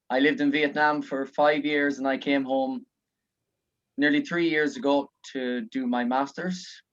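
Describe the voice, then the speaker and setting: A man's voice: medium pitch, fairly bright tone. Irish man, 30s, outgoing chatty guest, muffled lo-fi video call. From Ireland. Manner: outgoing, chatty, frequent uhs. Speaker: guest speaker. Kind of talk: casual video-call chat. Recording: dull lo-fi call audio.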